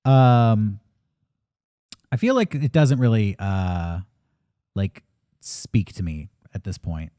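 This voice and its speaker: A man's voice: fairly low pitch, expressive, slow, pauses often, mellow, dry recording, studio quality. A man in his late thirties, a podcast co-host talking candidly and reflectively in casual chat, swearing now and then. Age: 30s.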